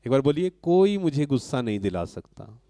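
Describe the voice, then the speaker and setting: A man's voice: medium pitch, sing-song, normal speed, dark tone, no echo. A man giving a spiritual talk to a live audience, asking questions and answering them himself. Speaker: spiritual speaker addressing an audience.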